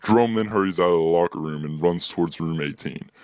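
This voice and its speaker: Deep-voiced young man reading a story. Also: fast talker, darkish tone, no echo. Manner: plain reading, voices dialogue with higher pitch. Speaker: student reading his own story. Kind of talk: reading a written story aloud.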